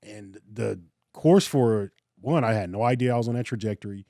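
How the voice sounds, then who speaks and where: A man's voice: on the low side, moderate pace, no room sound. Male podcast co-host, thirties, earnest and preacherly, dry close mic. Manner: earnest, preacherly, animated storytelling. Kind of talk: casual podcast discussion.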